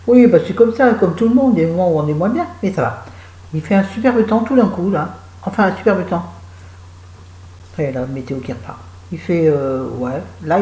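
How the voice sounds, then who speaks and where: Woman vlogger, low voice, chatty and self-deprecating, echoey home room. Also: dark tone. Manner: chatty, self-mocking, rambling with restarts. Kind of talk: casual chat to camera.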